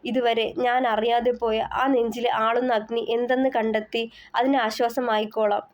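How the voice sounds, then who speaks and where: Woman reading as a desperate young wife begging softly, storybook audio, slightly higher voice. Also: level tone, normal speed, natural voice. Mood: pleading. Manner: pleading. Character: anguished young wife praying for her husband.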